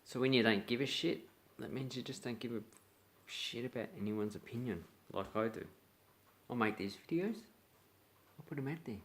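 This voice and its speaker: A young man with an Australian accent, explaining slang in a blunt, playful way and acting out example lines. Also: medium pitch. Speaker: slang teacher. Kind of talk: casual video lesson.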